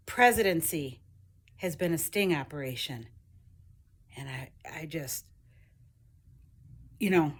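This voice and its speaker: A middle-aged American woman talks through her own story in a slow, unhurried way. Her voice sits fairly low, and she rambles and stops and restarts often, with plenty of fillers along the way. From United States. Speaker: vlogger. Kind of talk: casual personal storytelling.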